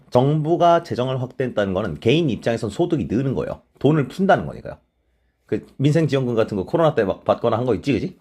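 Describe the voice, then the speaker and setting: A man teaching an exam-prep lecture, talking casually and checking in with his students all the time with quick tag questions. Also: on the high side, warm tone, breathy edge. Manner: mixes polite and plain speech; many short filler replies to himself.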